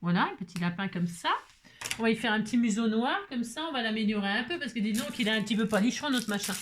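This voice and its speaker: Brief: woman craft host, fairly high voice, jokey, chatty, talks straight to camera. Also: expressive, fast talker, slight background noise. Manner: chatty and self-mocking, jokes and laughs often; repeats words, talks directly to viewers. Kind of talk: casual crafting tutorial.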